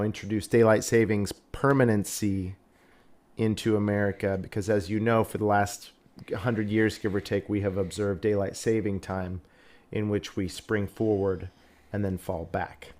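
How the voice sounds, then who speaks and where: A man's voice: fairly low pitch, level tone, moderate pace, a little mellow. A man hosting a casual live stream who rambles through a jokey story. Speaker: host.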